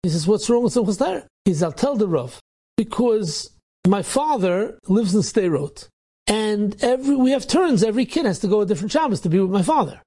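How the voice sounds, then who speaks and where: A man's voice: high-pitched, brisk, breathy edge. A man, a rabbi, telling an inspirational story and acting out the dialogue with energy. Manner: animated, acts out dialogue in quotes.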